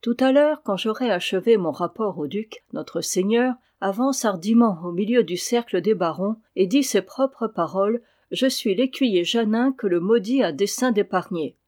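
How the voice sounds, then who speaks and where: A cunning little dwarf with a sharp, commanding tone, as the audiobook reader puts him on. He lectures and scolds, pitched a bit higher than the narration. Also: animated, moderate pace, few pauses, natural voice. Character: cunning bossy male dwarf. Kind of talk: audiobook character voice.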